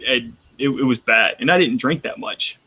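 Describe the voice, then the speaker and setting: In a low-quality recording, a Texas roundtable panelist chats casually at normal speed, his mid-range voice sharp and slightly rough. He speaks with a Texan accent and rambles, restarting often.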